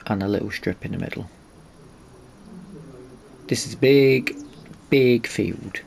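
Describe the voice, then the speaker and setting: Gravelly man, low voice, laid-back game commentary; hiss and engine hum behind. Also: slow pace. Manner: relaxed, thinking aloud. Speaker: gaming channel host. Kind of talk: casual gameplay commentary.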